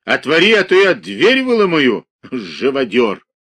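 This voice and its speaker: A man voicing an agitated, rebellious male asylum patient who shouts indignantly in an audiobook reading. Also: lowish voice, big pitch swings, slow pace, breathy edge, no room sound, heavily acted. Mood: furious.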